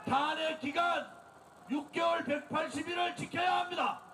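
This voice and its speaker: A man delivering an impassioned, declamatory political rally speech as the leader, exhorting listeners and shouting slogans. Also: very high-pitched, steady tone, normal speed. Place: outdoor street rally in front of a building. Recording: outdoor PA, echoing, distant, noisy crowd.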